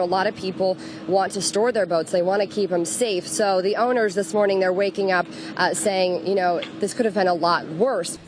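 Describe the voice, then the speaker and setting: A woman field reporter giving live, descriptive on-location news coverage with an urgent delivery. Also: a little high. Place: outdoors at beach, streets and waterfront in storm. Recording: outdoor location noise with traffic.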